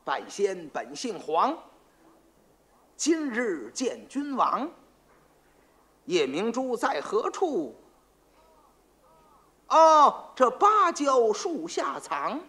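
A man's voice: very high-pitched, lively intonation, fairly bright tone, voice pushed up. A man doing a smug fake fortune teller. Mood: chanting. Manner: slow, pompous, self-important. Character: sly, smug male fortune teller faking powers.

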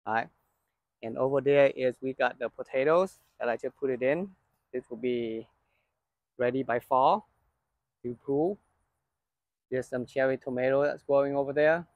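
A man harvests in his outdoor vegetable garden and gives a casual tour, filmed on a handheld phone camera for his gardening channel. His voice is medium-pitched with no echo, and his manner is relaxed and chatty as he walks and points things out.

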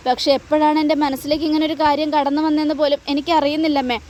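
A woman's voice: high-pitched, level tone, rapid-fire, darkish tone, close to an everyday voice. A woman reading as Nandu, a heartbroken young woman. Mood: pleading. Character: heartbroken young woman torn over love.

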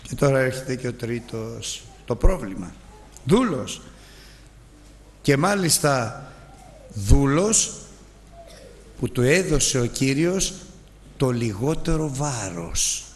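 A man preaching a sermon with great passion, swinging between loud emphatic lines and low hushed ones. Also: very animated, pauses often, big-room sound.

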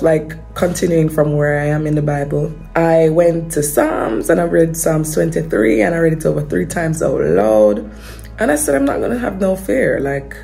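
Young woman, vlogger, low gravelly voice, rambling chat, faint music behind. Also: mellow. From Jamaica. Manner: rambling, trails off with repeated hedges and fillers. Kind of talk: casual confessional chat to camera.

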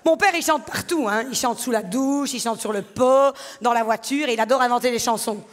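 Animated Belgian woman doing stand-up. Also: a little high, fairly quick. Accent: Belgian French, Liège area. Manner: animated storytelling, acts out voices. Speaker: stand-up comedian. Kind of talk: stand-up comedy monologue. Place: theatre stage before a live audience.

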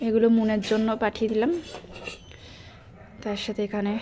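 A young woman with a Bengali accent chatting casually to her viewers in a home vlog, talking softly because of a sore throat. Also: medium pitch, completely flat delivery, normal speed, slight background noise. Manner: chatty, tag questions to viewers. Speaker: vlogger.

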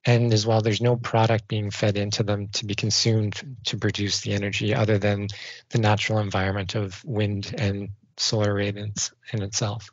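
A man, a civil designer, giving measured technical answers in a podcast interview. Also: fairly low pitch, flat delivery, no echo. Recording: dull dry studio sound.

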